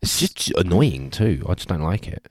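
Deep-voiced man, hesitant and jokey. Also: big pitch swings, moderate pace, no room sound. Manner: hesitant, jokey, trailing off mid-answer. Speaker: husband and student. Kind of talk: casual chat.

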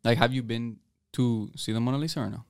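A man's voice: mid-range voice, fairly even intonation, quick pace, a little mellow, smooth, no room sound, studio quality. A teenage boy with an American accent hosting a student podcast, rambling casually with many fillers and restarts. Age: teens. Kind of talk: casual chat.

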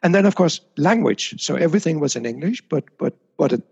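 A man's voice: fairly high pitch, expressive, fairly quick, vocal fry, a little mellow, breathy edge, lo-fi sound. A man as an interview guest, talking reflectively about his career with frequent small restarts. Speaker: guest, communications consultant. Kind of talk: casual interview.

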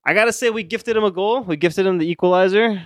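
Young male co-host, relaxed and profane, clean voice on a dry close mic. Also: sits high, fast, dry recording. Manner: laid-back, laughs often, swears casually. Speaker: podcast co-host. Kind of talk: casual chat.

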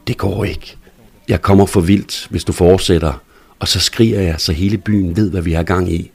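A man doing a hushed young shop clerk. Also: low voice, steady tone, gravelly, slightly rough, exaggerated voice. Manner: hushed whisper. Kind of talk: read-aloud story.

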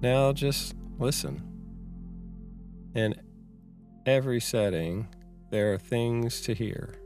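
A man giving a reflective guided mindfulness talk in a measured, unhurried way, with pauses between short phrases. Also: mid-range voice, lively intonation, a little mellow, soft background music. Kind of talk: slow guided meditation, reflective talk on anxiety.

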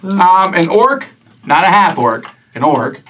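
A man in a slightly high voice narrates a tabletop game as game master. He talks casually and rambles, often restarting his sentences. The mic sits some way off from him. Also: sing-song, slow, bright, forceful tone, a little hiss or hum. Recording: distant mic in a room.

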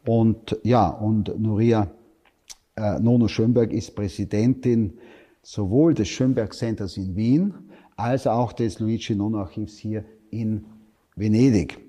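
A male talk show host introduces his guest, pausing often with filler sounds. His voice is low-pitched, very dark and husky. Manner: hesitant, many filler sounds.

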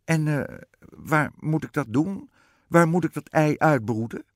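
A man's voice: a little high, animated, unhurried, no echo, studio quality, pitched above the performer's own voice. A man voicing an eager, fretful fairy-tale queen in an audiobook. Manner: pleading, coaxing. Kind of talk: audiobook storytelling.

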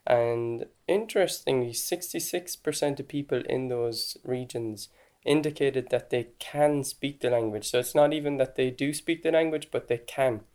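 A podcast host with an Irish accent explains things conversationally, tossing in chatty asides with "like" and "right?". His voice is medium-pitched, moderately paced, and a little mellow.

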